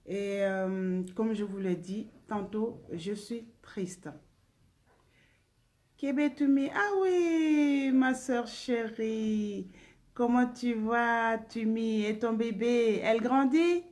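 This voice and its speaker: A woman's voice: fairly high pitch, takes it slowly, darkish tone. A woman singer hosting a casual live stream, greeting viewers by name and blowing them kisses between remarks.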